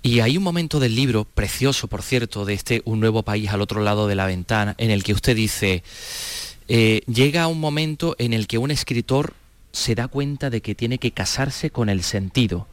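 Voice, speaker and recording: A man's voice: on the low side, expressive, moderate pace, no room sound. A man interviewing in a conversational, reflective way, putting thoughtful questions. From Andalusia, Spain.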